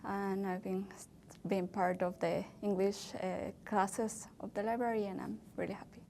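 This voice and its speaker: A young woman from Ecuador, a native Spanish speaker, answering interview questions in English slowly and hesitantly, with many fillers. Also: mid-range voice, little pitch movement, darkish tone, slight background noise. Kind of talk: oral history interview.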